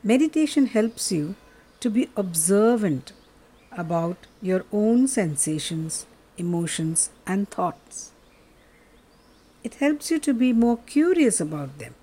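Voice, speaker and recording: A woman giving a reflective explanatory talk in measured, deliberate phrases. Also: fairly low pitch, sing-song, mellow. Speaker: speaker on curiosity and meditation.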